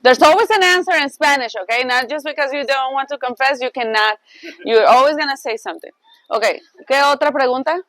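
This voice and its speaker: A woman teaching a Spanish class, switching between English and Spanish in a lively, laughing way. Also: high-pitched, a little fast, no echo, rough recording.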